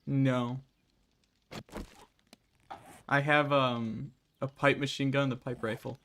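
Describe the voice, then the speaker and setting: A young man in casual chat while playing a game, talkative and quick to laugh, acting out little quoted voices. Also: medium pitch, little pitch movement, fairly bright tone. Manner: chatty, laughs often, acts out quoted voices. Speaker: streamer guest.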